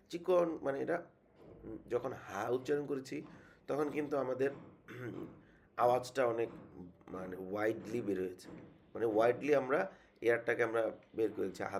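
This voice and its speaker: A male teacher takes a tajweed class, speaking very slowly in a gravelly, creaky voice. He pitches his voice in a moderate range and patiently repeats each sound several times so students can follow. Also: a little mellow, a little hiss or hum. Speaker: Quran recitation teacher. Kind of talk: online tajweed lesson.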